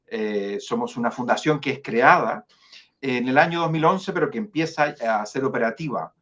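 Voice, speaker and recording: A Chilean man, director of a foundation, speaking as a guest in an online interview. He talks in a measured, hesitant way with many fillers and restarts. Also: medium pitch, fairly bright tone.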